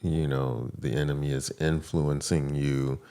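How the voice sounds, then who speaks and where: A man with an extremely deep voice and a heavy gravelly fry speaks as a podcast co-host. He thinks aloud reflectively, restarting phrases and posing questions in easygoing conversation. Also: fairly even intonation, measured pace, dark tone. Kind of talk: casual chat.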